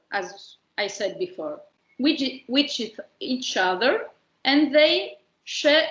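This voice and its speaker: A woman with a Greek accent leading a webinar activity, asking slow guiding questions. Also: high voice, fairly bright tone. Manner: slow, questioning, speaks as a child role in first person. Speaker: workshop presenter. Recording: roomy lo-fi online call audio.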